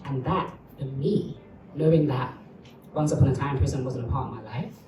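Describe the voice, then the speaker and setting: A woman's voice: extremely low pitch, normal speed, echoey room, distant mic, over music, rough recording. A woman from Uganda, giving a candid, reflective documentary interview.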